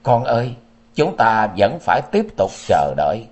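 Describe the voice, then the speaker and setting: A man's voice: lowish voice, very animated, moderate pace, a little mellow. A man reading a story aloud, voicing a grieving middle-aged mother who speaks in a choked, sorrowful way. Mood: grave. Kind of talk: storybook narration.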